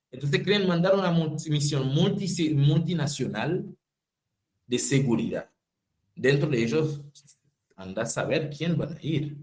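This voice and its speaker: A man from Haiti speaks as a political activist, emphatic and repeating phrases for rhetorical weight. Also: mid-range voice. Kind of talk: impassioned political talk.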